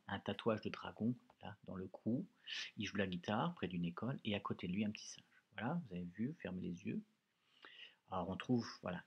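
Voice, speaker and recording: A man's voice: lowish voice, breathy edge, highs cut off. A male teacher leading a reading lesson for pupils, explaining words patiently and repeating phrases.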